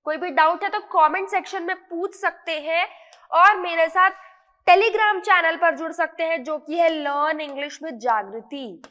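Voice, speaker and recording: A high-voiced woman tutor explains word meanings, switching between Hindi and English and asking her listeners questions she answers herself. Her voice is bright and forward, and it rings out into a room with a long reverb. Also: measured pace. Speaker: English vocabulary teacher. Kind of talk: explanatory lesson.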